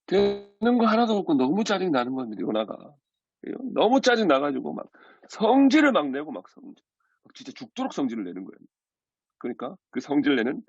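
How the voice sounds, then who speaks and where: A man's voice: a little high, breathy edge, dry recording, highs cut off. A man teaching a youth Bible group in a casual, vivid storytelling manner with many fillers.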